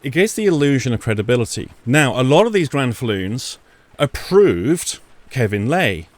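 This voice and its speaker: A man with a mid-pitched voice talks informally from an attic, with very little room echo. His delivery is sardonic and emphatic, built on repeated phrases and rhetorical questions, as in an online commentary. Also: big pitch swings, normal speed. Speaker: video commentator exposing false claims. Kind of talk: informal opinion monologue to an online audience.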